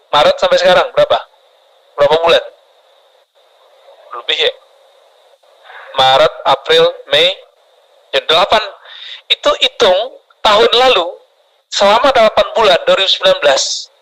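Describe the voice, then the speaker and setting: A man preaching a sermon to a congregation, lively and often putting questions to the audience. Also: high-pitched, normal speed, long pauses, poor audio. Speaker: Islamic preacher.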